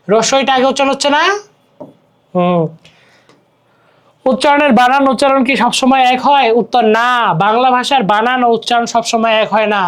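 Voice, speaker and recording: A young man with a Bangladeshi Bengali accent tutors an exam-prep grammar lesson, explaining step by step, repeating words and asking checking questions. His voice is very high with a clean tone.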